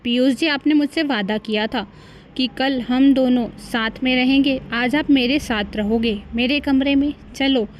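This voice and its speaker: Quarrelsome young cartoon wife, voiced by a woman: indignant, bickering, higher pitch. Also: measured pace, a little hiss or hum.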